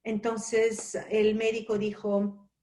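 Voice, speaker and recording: In a mid-range, monotone voice, the Brazilian woman tells a personal story as part of a spiritual lecture, gently and unhurriedly, with soft asides.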